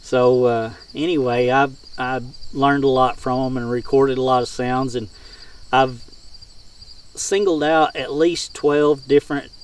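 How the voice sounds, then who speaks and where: Middle-aged male outdoorsman, folksy hunting raconteur, average pitch, slightly distant outdoor recording with insect sounds. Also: fairly even intonation, unhurried, smooth. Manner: folksy, rural colloquial phrasing. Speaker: hog hunter and game caller. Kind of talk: casual first-person hunting storytelling.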